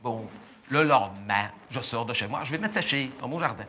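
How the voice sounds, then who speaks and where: A man's voice: medium pitch, expressive, a little fast, sharp tone, a little hiss or hum. A man with a Belgian French accent playing a naive, gossipy middle-aged housewife in a chatty, indignant stand-up monologue on a theatre stage. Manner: chatty, indignant, breathless storytelling. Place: theatre stage before live audience.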